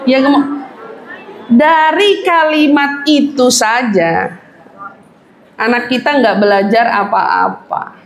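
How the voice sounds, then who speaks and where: A woman's voice: high-pitched, takes it slowly, pauses often, a faint crowd. A woman preacher giving a parenting lecture in a mosque, acting out mothers' lines and laughing often. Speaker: Islamic preacher. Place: mosque hall with audience. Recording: echoey hall, audience noise.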